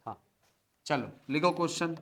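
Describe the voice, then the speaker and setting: A man teaching Hindi spelling to a classroom, breaking words into letters slowly and often asking if students follow. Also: a little high, lively intonation, a bit bright. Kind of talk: classroom lecture.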